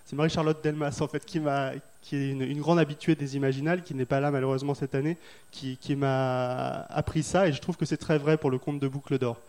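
Speaking fairly quickly with a flat delivery, a French author guest with a mid-range, slightly mellow voice is interviewed at a festival. He comes across as thoughtful, though hesitant and full of fillers.

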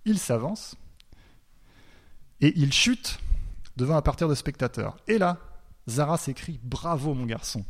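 Gravelly man lecturing with hesitations. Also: medium pitch. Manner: hesitant, many fillers and repeated words.

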